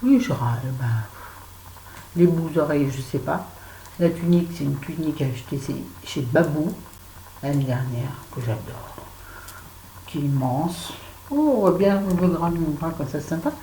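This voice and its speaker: A woman with a low, mellow voice chats to her viewers as a beauty vlogger. She is blunt and self-mocking, with lively asides. The sound is roomy with a faint hiss behind it. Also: normal speed. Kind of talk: casual chat to camera. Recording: echoey room with faint background noise.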